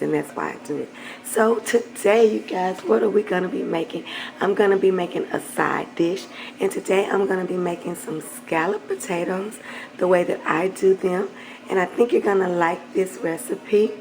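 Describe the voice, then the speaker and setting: A cooking channel host with a hoarse, gravelly, lowish voice and a darkish tone chats casually while cooking in her home kitchen for a vlog. She's chatty and affectionate with her viewers and clears her throat often. The recording quality is low.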